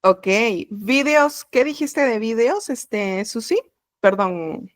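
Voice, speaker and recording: A woman's voice: a little high, lively intonation, slow pace, no room sound, clean studio sound. A woman teaching an introductory French class online, explaining step by step in a patient way over a video call.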